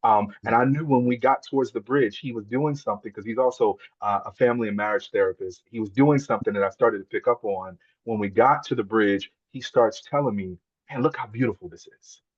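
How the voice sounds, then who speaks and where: A man's voice: on the low side, fairly quick, few pauses, husky, no echo, highs cut off. A man, a podcast guest, telling a heartfelt personal story in an earnest, emotional way, repeating words when moved.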